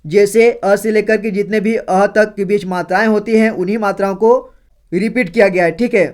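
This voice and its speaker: Male tutor, high clear voice, slow patient delivery, recites syllables with repeated check-ins. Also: steady tone, a little mellow. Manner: slow, repetitive, often adds "theek hai" and calls viewers friends. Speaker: Hindi teacher. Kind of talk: explaining and reciting Hindi syllables.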